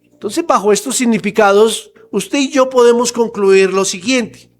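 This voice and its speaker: Slow, emphatic male preacher. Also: sits high, poor audio. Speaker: pastor. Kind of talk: sermon.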